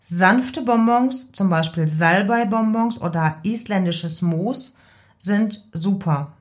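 Female voice coach, unhurried instructional delivery, direct and measured. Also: mid-range voice. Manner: calm, deliberate, gives direct advice. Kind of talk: instructional podcast tips.

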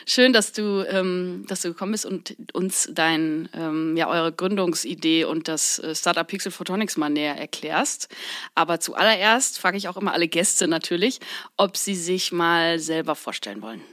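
A woman's voice: on the low side, moderate pace, fairly bright tone. A woman hosting a podcast interview, asking questions in a friendly, casual way with many fillers. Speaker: podcast host.

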